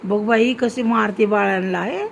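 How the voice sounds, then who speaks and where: A woman films a casual home vlog, chatting and scolding someone with teasing questions. She speaks at medium pitch and a moderate pace with some vocal fry, and there is a little hiss or hum.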